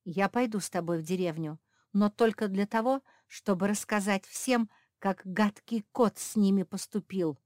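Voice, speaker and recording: A woman voicing a small female greyhound, a desperate mother, in a storybook, speaking loud and insistent. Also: medium pitch, steady tone, unhurried, no room sound, studio quality, pitched above the performer's own voice, lightly acted. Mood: defiant.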